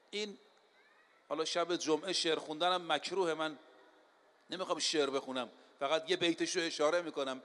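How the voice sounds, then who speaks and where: A man delivers a sermon in a high, carrying voice. He talks directly to his listeners and quotes scripture in Arabic with emphasis. His voice trails off into the long reverb of a large hall. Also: a bit bright. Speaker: preacher.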